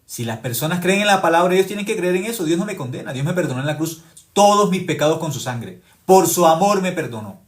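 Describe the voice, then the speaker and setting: A man preaching a sermon with forceful rising stresses that drop to hushed low tones and drawn-out key words. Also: lively intonation. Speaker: pastor.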